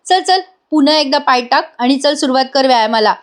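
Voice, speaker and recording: This is a bossy young fitness trainer, voiced by a woman narrator, barking impatient orders and hurrying someone along. The voice sits fairly high, and the delivery is pushy. It is read plainly, like a storybook narrator reading out a line. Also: fairly quick, close to an everyday voice. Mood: impatient, scolding.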